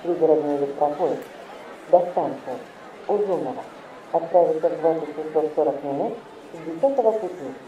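A man making formal railway station announcements in measured, segmented phrases, in the manner of an airport announcement. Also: fairly high pitch, recorded from a distance. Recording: muffled, echoey station loudspeaker, noisy crowd.

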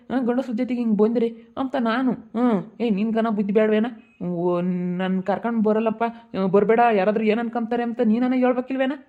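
A man playing a village elder brother with a rural Chitradurga Kannada accent, talking quickly to calm things down. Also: very high-pitched. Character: older village brother-figure, calm mediator. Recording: tinny phone-like recording.

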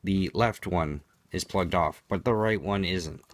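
Low-voiced man giving a product review. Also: a little slow, no echo. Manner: matter-of-fact, explanatory. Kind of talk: unscripted product demonstration commentary.

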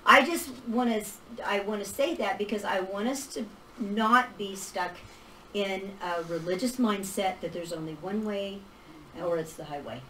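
A middle-aged woman teaches a casual Bible class in a small church hall with a projector screen, speaking into a handheld mic with an animated, mid-range voice at a moderate pace and laughing often. The recording sounds roomy and distant, as if captured from across the hall, with a little hiss or hum.

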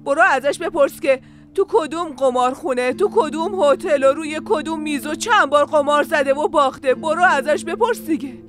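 Woman dubbing a scolding grandmother. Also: close to an everyday voice. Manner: scolding, shrill when angry. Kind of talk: Persian dub of a TV series.

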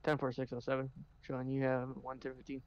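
A man's voice: mid-range voice, monotone, a little fast. A man roleplaying a police dispatcher, switching between casual chat and radio calls. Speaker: player acting as police dispatcher. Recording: dull lo-fi voice chat, faint noise.

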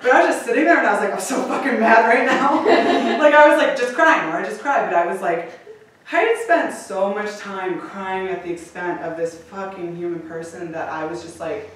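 A woman's voice: medium pitch, expressive, a little fast, a bit bright. A woman telling a personal story to a live audience, candid and swearing freely, laughing often. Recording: echoey room from a distance.

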